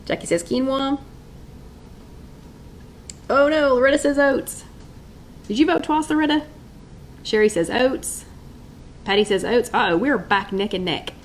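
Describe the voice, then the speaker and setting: A woman's voice: high voice, a little slow, long pauses, poor audio. Lady chatting on a live stream at home, upbeat, reading off viewer votes, faint hum behind her. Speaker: host of a live weight-loss chat.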